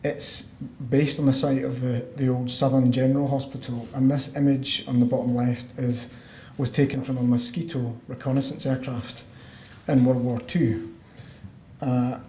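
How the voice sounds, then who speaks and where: A Scottish pulmonologist with a mid-range, dark-toned voice gives a measured lecture at a medical conference, often using fillers and restarting sentences. The conference hall sounds roomy, with faint background noise.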